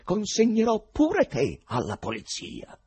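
A man voicing a furious, desperate young poet who shouts in agitation. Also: fairly high pitch, huge pitch swings, a little slow, husky, voice pushed up, heavily acted.

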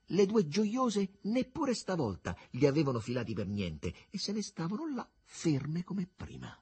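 Expressive male audiobook narrator. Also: fairly high pitch, unhurried, slightly rough. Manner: expressive, swooping storytelling delivery.

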